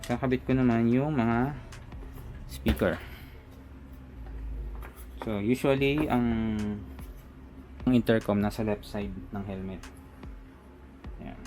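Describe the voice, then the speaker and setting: Speaking slowly in a mellow, mid-range voice with long pauses, a Filipino man gives an informal, step-by-step walkthrough of unboxing and installing a product. As a reviewer, he narrates what his hands are doing. There's music in the background.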